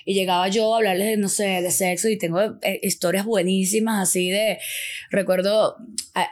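A woman chatting on a podcast as a guest. She tells stories with lots of animation, laughs often, and acts out the people she quotes. Her voice sits in a middle pitch. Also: fairly even intonation, moderate pace. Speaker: podcast guest, sex educator. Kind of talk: casual podcast chat.

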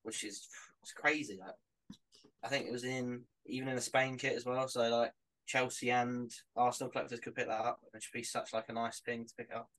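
A man's voice: medium pitch, level tone, fairly quick, a bit bright, poor audio. A man chatting on a podcast, laid-back and hesitant, often repeating words. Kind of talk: casual podcast chat.

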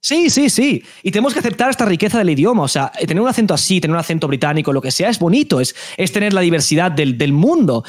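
A man's voice: high voice, fast, hardly any pauses, no room sound, studio quality. A man from Spain with a Spanish accent, an esports caster chatting casually and animatedly, with many restarts. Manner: animated, opinionated, frequent restarts. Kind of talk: casual podcast chat.

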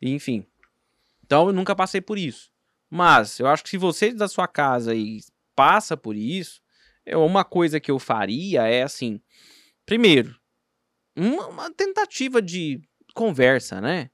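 A man's voice: fairly high pitch, big pitch swings, a little slow, fairly bright tone, dry recording, clean studio sound. A man with a Brazilian accent hosting a casual podcast chat, talking in a rambling, slangy way with many restarts. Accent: Brazilian Portuguese.

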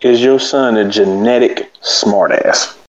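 Guy on a podcast, lowish voice, kinda dull lo-fi sound, goofy dad anecdotes. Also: takes it slowly. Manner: animated, joking anecdotes about his son. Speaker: podcast co-host. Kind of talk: casual chat.

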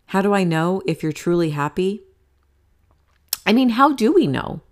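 This woman's mid-range voice is animated and moves at normal speed. She's in her forties, hosting her own podcast, and delivers a candid, chatty solo monologue about happiness in a motivational tone, dropping in some casual swearing.

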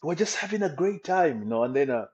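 A man's voice: a little high, very animated, quick pace, a little mellow. A young man from the Democratic Republic of the Congo, a podcast guest telling his personal story with energy and enthusiasm. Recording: slightly dull lo-fi audio.

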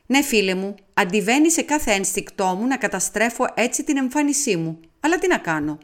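A woman's voice: a little high, expressive, pitched above the performer's own voice, close to an everyday voice. A woman voicing a vain, precise middle-aged Belgian male detective who drops in French words, in an audiobook. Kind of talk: audiobook character reading.

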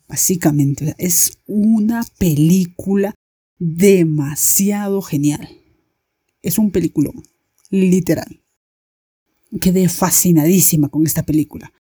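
A young woman with a Latin American Spanish accent tells a story in a chatty, animated way. She acts out her friends' lines as she goes. Her voice is low-set and mellow, recorded close and dry. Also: takes it slowly, husky, dry recording. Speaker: podcast host. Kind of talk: casual storytelling monologue.

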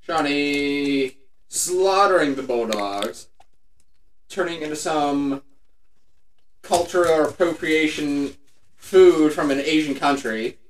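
A young man with a slightly high voice jokes his way through picks at an unhurried pace. He sits away from the mic in a roomy space. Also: distant mic, a little hiss or hum. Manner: joking, wisecracking. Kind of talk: casual chat, picking game scores. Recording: echoey room, voice off-mic.

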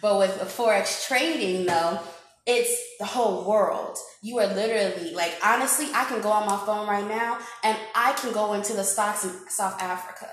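A woman's voice: mid-range voice, normal speed, slight background noise. Upbeat woman in her twenties from Illinois, guest, very echoey room. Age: 20s. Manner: chatty, upbeat, lots of fillers. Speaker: podcast guest. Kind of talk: casual chat.

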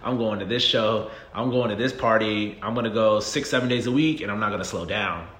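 This podcast guest, a low-voiced Southern US man in his 30s, talks briskly and candidly in a laid-back interview chat, peppering his speech with "um" and "you know what I mean." His recording has an echoey room and a bit of faint noise.

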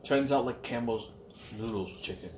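Man, casual chat, rambling, swears, mid-pitched voice, faint background hum. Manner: rambling and profane, with frequent pauses.

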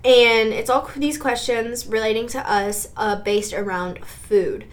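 Higher-voiced woman co-host. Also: steady tone, unhurried. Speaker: podcast co-host. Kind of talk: casual couple's podcast chat.

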